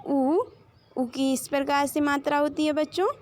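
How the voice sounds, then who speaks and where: High-voiced woman teaching children Hindi letters. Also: fairly even intonation, a little mellow. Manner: slow, drawn-out sounding of letters and example words; addresses the children directly, points to a chart. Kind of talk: children's Hindi grammar lesson.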